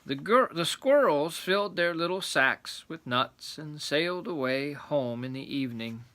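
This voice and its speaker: A man's voice: on the high side, lively intonation, a little slow, pushed and bright. A man narrating a children's storybook aloud in a grandfatherly storytelling manner.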